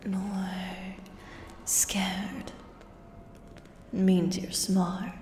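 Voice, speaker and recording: A woman's voice: mid-range voice, level tone, extremely slow, mellow. A woman in a whispered role-play, voicing a menacing female axe-wielding beast with a predatory, taunting beast-man drawl. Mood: amused, probing. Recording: echoey cavern-like reverb, audible background noise.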